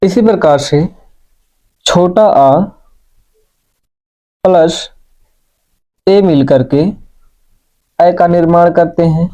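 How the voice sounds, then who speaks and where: A man teaching a Hindi grammar class, explaining slowly and repeating key points for his students. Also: fairly high pitch, warm tone. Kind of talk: classroom lesson. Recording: dull lo-fi sound.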